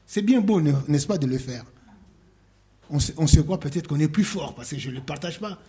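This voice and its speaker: A man preaching a sermon, slow and emphatic, reading scripture aloud and asking rhetorical questions. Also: a little high, expressive, warm tone.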